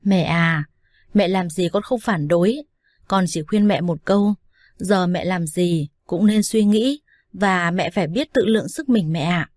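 A woman reading the part of a bold young daughter-in-law, calm and teasing even when provoked. Her voice sits a little low and dry, close to the mic with no room around it. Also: normal speed, no echo, close to an everyday voice. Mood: mocking calm. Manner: calm, teasing, lightly mocking. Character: defiant young daughter-in-law, cheeky and unafraid.

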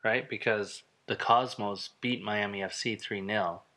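A man's voice: lowish voice, steady tone, unhurried, pushed and bright. A man hosting a casual soccer podcast, chatting and laughing with his co-hosts. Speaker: podcast host. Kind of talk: casual sports chat.

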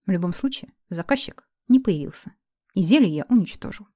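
A woman's voice: on the low side, lively intonation, fairly quick, dark tone, no room sound, clean studio sound. A woman voicing a panicky, hysterical adult male elf teacher who keeps pleading and breaking into nervous outbursts in a storybook reading. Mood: agitated.

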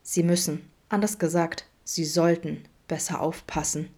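A woman reading a male detective in an audiobook-style podfic, smooth and quiet, dropping into hushed threats. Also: sits low, steady tone, fairly quick. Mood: softly threatening. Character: calm charming male detective, softly menacing.

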